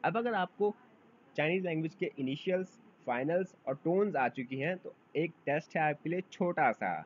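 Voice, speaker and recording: A man's voice: fairly high pitch, breathy edge. A man teaching a beginner language lesson, drawing out model sounds and asking learners to repeat after him. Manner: drawn-out model sounds for drills. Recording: dull lo-fi recording, faint noise.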